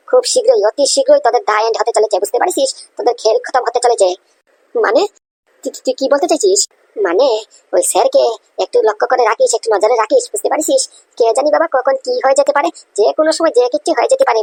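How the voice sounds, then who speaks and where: A woman voicing a defiant, honest young male police officer in a cartoon comedy, scolding in a rapid tirade. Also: high-pitched, gravelly, a little mellow, slightly rough, no echo, heavily acted. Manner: scolding, rapid, repeats "understand?".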